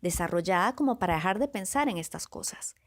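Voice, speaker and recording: A woman motivational speaker giving a calm, reflective podcast talk, listing words one by one with pauses and often checking in with her listeners. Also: medium pitch. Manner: often checks in with the listener with a soft question tag. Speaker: motivational speaker on self-awareness.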